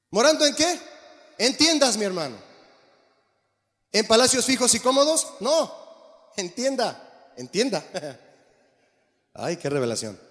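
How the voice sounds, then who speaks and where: A pastor delivers an animated sermon, his voice pitched high for a man. He keeps turning to the congregation with questions. The sound carries a long reverb from the church hall.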